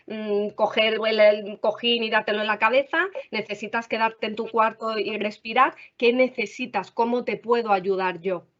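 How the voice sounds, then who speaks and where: A woman with a Spain Spanish accent, a school counselor giving parents practical advice in a webinar, often checking in with the audience. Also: medium pitch. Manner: warm advisory tone, frequent "vale?" checks. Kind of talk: explanatory talk to parents. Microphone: video call. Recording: dull video-call audio.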